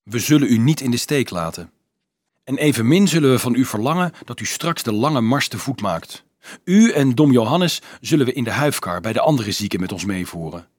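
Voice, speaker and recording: A man voicing a cunning resolute boy, lively pitch, husky, dry read. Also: a little fast, dry recording, natural voice. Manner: firm, controlled.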